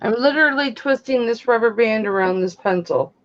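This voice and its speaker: Woman guest, teasing chat, high lively voice, dull online sound. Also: brisk. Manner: teasing, laughs often. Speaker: guest on a reseller live stream. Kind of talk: casual joking chat.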